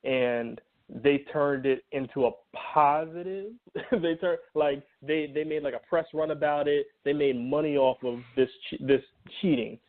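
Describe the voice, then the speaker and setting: Male podcast co-host, fairly high voice, animated, indignant, phone-line sound. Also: measured pace. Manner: animated, indignant, recounts the news. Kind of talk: casual opinion chat.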